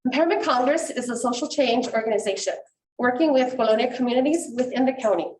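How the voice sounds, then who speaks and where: A woman's voice: a little high, fast talker, a little mellow. A woman directing a community organization gives prepared public testimony at a meeting, earnest and emphatic, repeating key words for weight. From New Mexico. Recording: echoey meeting room, faint noise.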